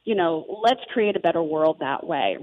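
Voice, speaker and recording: Interview guest: thirties woman, New Jersey accent, enthusiastic and rambling, slightly low pitch, dull lo-fi sound. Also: expressive, normal speed. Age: 30s. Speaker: guest, holistic health advocate. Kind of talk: conversational interview.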